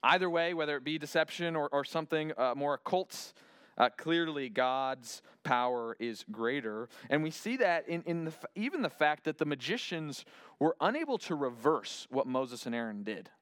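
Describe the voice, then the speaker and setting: Male Bible teacher, chatty and imaginative, with a smooth, clear voice recorded close and dry. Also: on the high side, lively intonation, moderate pace, a bit bright, no echo. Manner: imaginative, thinking aloud, many restarts. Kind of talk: casual Bible lesson retelling.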